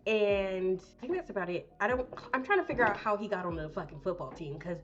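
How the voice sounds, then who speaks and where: Young adult woman, casual vlog recap, profane and rambling, slightly muffled home audio over soft music. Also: medium pitch, lively intonation. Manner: profane, rambling, quick laughs. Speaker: movie recap vlogger.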